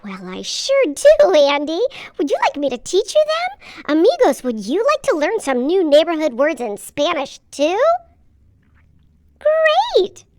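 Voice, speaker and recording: A woman voicing a cheerful, eager young girl in a children's cartoon, narrating a language lesson in a slow, encouraging way and repeating words. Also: extremely high pitch, huge pitch swings, darkish tone, exaggerated voice.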